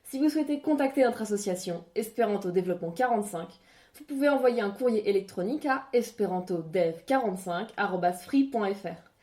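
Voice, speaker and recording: A woman presenting a language lesson in scripted narration, clear and didactic, saying out examples slowly. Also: medium pitch, lively intonation, mellow.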